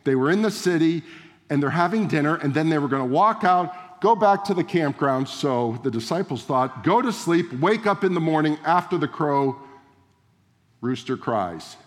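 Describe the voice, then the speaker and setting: A man's voice: on the high side, animated, normal speed. A male pastor preaching a sermon in a conversational way, with rhetorical questions and direct address to the congregation. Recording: long reverb of a large hall.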